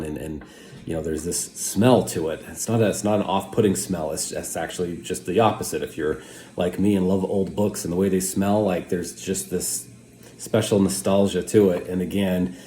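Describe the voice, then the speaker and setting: Low, mellow American man, rambling review. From United States. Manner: rambling, hesitant, circling back to qualify points. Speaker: pipe tobacco reviewer. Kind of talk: casual product review. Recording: roomy echo, faint background noise.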